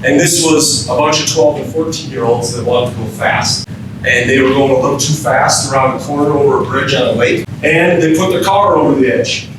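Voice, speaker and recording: At a moderate pace, an emergency physician from Minnesota, United States, gives firefighters an informal training keynote, regularly testing the audience with questions. The recording has a distant mic, strong room echo and a rumbling background.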